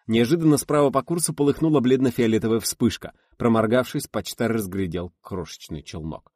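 A man reading a first-person novel aloud as an audiobook narrator, measured and expressive. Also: medium pitch, dry recording, studio quality.

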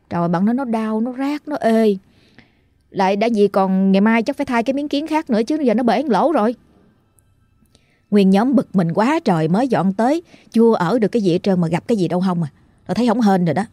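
A woman's voice: medium pitch, warm tone, no room sound. A woman telling a ghost story in a chatty, dramatic way, drawing out the tense moments. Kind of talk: casual storytelling.

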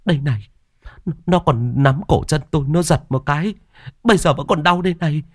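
A man's voice: fairly high pitch, brisk, dry recording, studio quality, voice pushed up, natural voice. A man voicing a terrified older village woman who stammers and insists on what she saw. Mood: frightened.

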